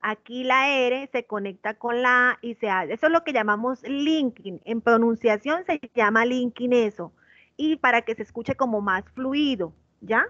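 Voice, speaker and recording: A woman's voice: fairly high pitch, normal speed, a bit bright, dry recording, highs cut off. A woman with a Colombian Spanish accent teaching an online English class, patiently correcting pronunciation and switching between Spanish and English. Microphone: video call.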